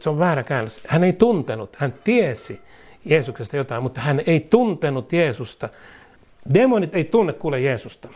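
A man preaching a sermon, rising in force as he exhorts and leading prayers phrase by phrase. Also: darkish tone. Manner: leads the congregation in prayer, phrase by phrase; rises in pitch and force as he exhorts. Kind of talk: sermon with call-and-response prayer.

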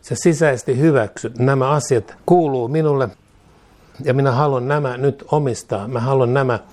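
A man's voice: medium pitch, steady tone, darkish tone. A man preaching as a pastor and leading a declaration prayer, reading each line in short phrases for the congregation to repeat. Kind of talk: sermon, leading a call-and-response declaration. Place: church service with a congregation. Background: congregation repeating lines aloud.

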